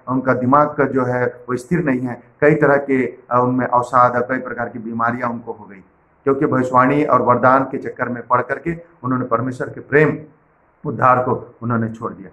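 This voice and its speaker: A pastor from India giving an earnest sermon and reading scripture verses aloud. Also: male voice, mid-range voice, a bit bright, roomy sound, low-quality recording.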